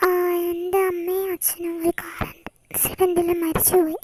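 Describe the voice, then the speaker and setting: A woman's voice: extremely high pitch, level tone, moderate pace, mellow, slight background noise. A woman voicing a frightened fifteen-year-old girl on the run, pleading and tearful, in an amateur fan audio drama. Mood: hushed. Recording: background music under voice. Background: music.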